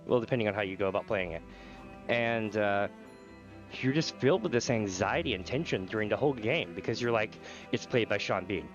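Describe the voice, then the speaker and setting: A man hosting a gaming livestream in a casual, animated, rambling storytelling manner with dramatic asides. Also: on the low side, a little fast. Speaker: livestream host. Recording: slightly dull livestream audio with music behind. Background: background music.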